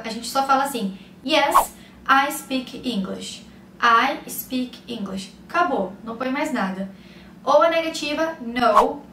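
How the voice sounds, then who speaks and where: A woman with a Brazilian Portuguese accent teaching an English grammar lesson. She explains patiently, checks in with her listeners often and says the English examples slowly and clearly. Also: on the high side, a bit bright, recorded from a distance. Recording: roomy echo, a little off the mic, faint room hum.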